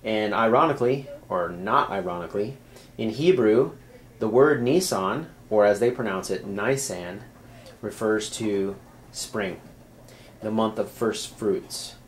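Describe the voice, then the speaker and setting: Hesitant low-voiced man explaining casually. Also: unhurried, slight background noise. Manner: hesitant, many fillers and restarts. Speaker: video creator explaining symbols.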